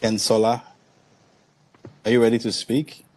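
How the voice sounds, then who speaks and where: A man moderating an online meeting, calling on speakers briskly. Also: medium pitch, monotone, mellow, slight background noise. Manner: brisk, directive.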